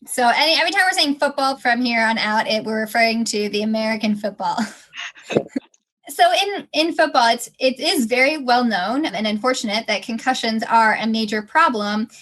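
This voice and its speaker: A woman's voice: fairly high pitch, normal speed, fairly bright tone. Bubbly young woman podcast co-host. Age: young adult. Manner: laughs often, bubbly and chatty. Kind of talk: casual podcast chat and science segment.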